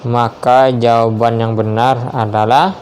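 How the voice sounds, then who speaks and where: A man reads quiz questions one option at a time, his delivery slow and measured. His voice sits in a mid register, and each answer is confirmed with a short affirming word. A faint hiss runs under the recording. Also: mid-range voice, level tone, darkish tone. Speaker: teacher reading quiz questions.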